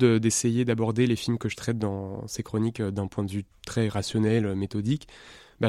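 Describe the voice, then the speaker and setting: A man's voice: on the low side, darkish tone, no echo. A man giving a radio film review in the studio, earnest and hesitant, with many filler sounds. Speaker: film critic. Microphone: studio microphone.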